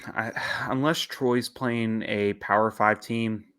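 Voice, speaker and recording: Man, low voice, bright forceful tone, casual podcast co-host, rambly, self-correcting. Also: steady tone, takes it slowly, clean tone. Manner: rambling, loses his thread and apologizes. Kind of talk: casual sports podcast chat.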